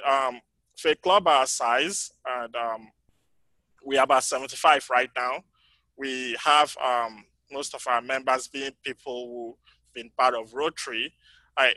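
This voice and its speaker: Male panel speaker, bright forward tone, dry close sound, halting delivery with frequent ums. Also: mid-range voice, no echo, low-quality recording. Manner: halting, many ums, voice fading in and out. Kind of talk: conference breakout talk. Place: conference breakout room.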